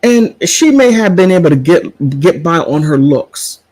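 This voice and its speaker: A man's voice: a little high, expressive, measured pace, darkish tone, dry recording, poor audio. A middle-aged man chatting in a casual vlog, sassy and digressive, wandering off topic and back. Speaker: vlogger.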